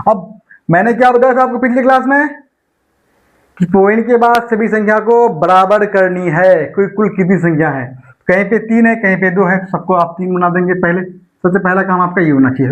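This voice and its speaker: High-voiced man teaching a maths lesson. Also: low-quality recording. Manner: explains step by step, asking students rhetorical questions; repeats numbers slowly while working problems. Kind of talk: online exam-prep lecture.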